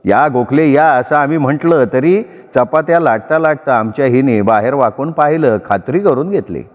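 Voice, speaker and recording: Expressive male storyteller, reverberant room. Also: medium pitch, moderate pace. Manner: lively, expressive narration. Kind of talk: dramatic story reading. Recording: long reverb.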